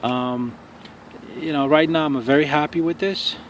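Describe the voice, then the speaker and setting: Man, casual outdoor vlogger, irritated profane rant, halting speech, street noise behind. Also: on the high side, steady tone. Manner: angry, profane ranting with halting restarts. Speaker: RC car hobbyist reviewer. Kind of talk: casual outdoor review vlog. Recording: noisy outdoor street recording.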